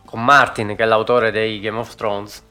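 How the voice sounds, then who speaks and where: Male host, lively off-the-cuff stream chat, salty language, music low underneath. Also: a little slow, clean tone. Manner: animated, swears freely, frequent fillers. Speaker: talk show host. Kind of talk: casual live-stream chat.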